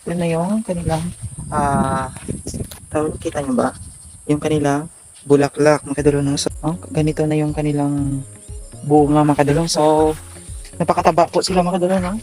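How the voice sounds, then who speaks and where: A young man casually touring his bean garden outdoors for a vlog, speaking haltingly with many fillers and stumbling over his words, as if filmed on a phone. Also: fairly high pitch, little pitch movement, darkish tone, faint music behind, rough recording. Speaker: farming vlogger.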